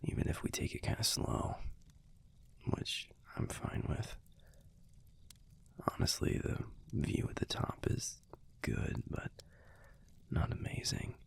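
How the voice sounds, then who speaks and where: Here the gruff but tender young werewolf boyfriend, voiced by an American man, whispers lightly acted lines to the listener in an intimate audio roleplay. The tone is relaxed and soft, his low voice breathy, husky and gravelly, delivered as a laid-back, halting murmur with casual swearing.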